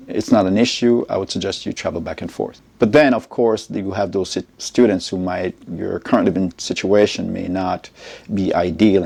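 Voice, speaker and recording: A middle-aged man speaks in a low, gravelly, mellow voice. He talks in a measured, explanatory way, often checking in with his listeners as he gives advice. He sounds like a seasoned college educator talking straight to camera. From Jamaica. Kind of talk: informational advice talk to camera.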